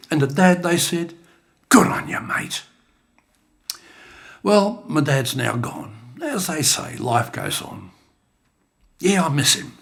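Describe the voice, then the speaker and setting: An older man reciting his own poetry in an expressive, dramatic style in a studio. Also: on the high side, creaky. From Australia. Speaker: bush poet. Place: creative studio.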